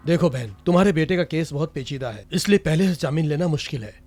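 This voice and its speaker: An actor dubbing a lawyer in a film, businesslike and reassuring. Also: male voice, a little high, expressive, fast, a little mellow. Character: calm male lawyer advising a mother. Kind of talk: Hindi film dub acting. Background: film score music.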